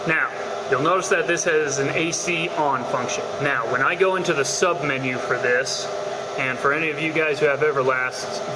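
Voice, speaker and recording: In an echoey room next to a welding machine, a man with a fairly high voice gives an informal welding lesson. He explains each step in a relaxed way while the machine hums steadily behind him.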